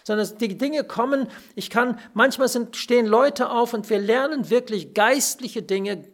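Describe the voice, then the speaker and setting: Gravelly, husky-voiced preacher. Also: mid-range voice. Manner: earnest, emphatic repetition of key phrases; pauses to search for words with fillers. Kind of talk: sermon on a Bible passage.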